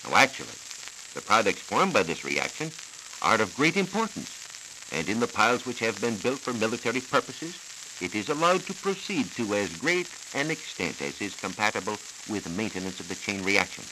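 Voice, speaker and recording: This 1940s educational broadcast features an American science reporter whose voice sits on the low side and moves through wide pitch swings. He explains from a script in a deliberate, formal, didactic style in a radio studio, heard via a hissy vintage transcription disc.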